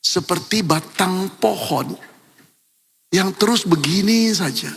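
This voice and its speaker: Gravelly, emphatic preaching pastor. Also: male voice, sits high, slow pace. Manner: storytelling, swings from hushed to emphatic. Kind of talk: sermon. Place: large church hall. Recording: long church hall reverb.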